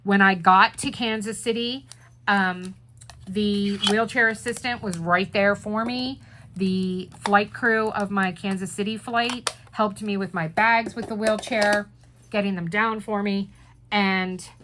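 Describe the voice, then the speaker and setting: A woman hosting a crafting chat channel, telling a story straight to her viewers in an expressive, chatty way. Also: mid-range voice, a little hiss or hum. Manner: chatty and expressive, with swings in volume; speaks right to viewers.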